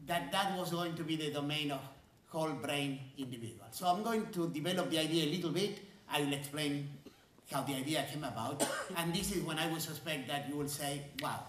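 Man, 60s, conference keynote, emphatic, stretched words, slightly high voice, roomy hall. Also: fairly bright tone. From Argentina. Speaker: engineering school dean giving a keynote. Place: large conference stage. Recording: roomy hall sound from a distance.

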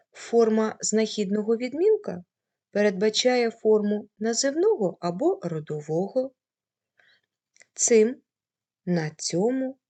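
A woman's voice: mid-range voice, darkish tone. A woman teacher reading a scripted grammar lesson, carefully saying word forms one by one.

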